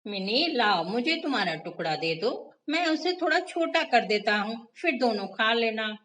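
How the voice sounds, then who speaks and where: A woman's voice: fairly high pitch, very animated, measured pace, a bit bright, recorded from a distance. A woman doing Chimpu, a sly sweet-talking monkey. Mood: coaxing. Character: sly greedy male monkey, falsely sweet.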